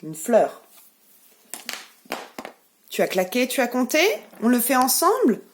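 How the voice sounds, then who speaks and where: French preschool teacher, woman, slow and lilting, fairly high voice, gentle and carefully articulated. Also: sing-song, slight background noise. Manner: slow, gentle and clearly articulated, leading children through syllable clapping. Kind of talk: remote lesson for young children.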